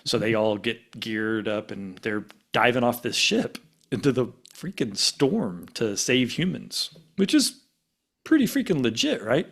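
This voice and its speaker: A man co-hosting a podcast, telling an animated story in casual talk and laughing often. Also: mid-range voice, unhurried, vocal fry. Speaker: podcast co-host.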